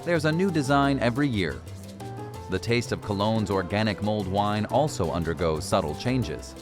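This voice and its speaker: A man with a low, animated voice reads scripted travel narration in a voice-over. Music plays clearly behind him. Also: normal speed. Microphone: studio voice-over. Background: background music.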